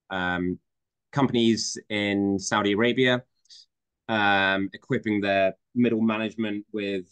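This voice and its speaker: A man introducing his business on a video call, polite and filling pauses with "um". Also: sits low, fairly bright tone, smooth, no room sound. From England. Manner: polite, many "um" fillers. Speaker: business owner introducing himself. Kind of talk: online meeting introduction.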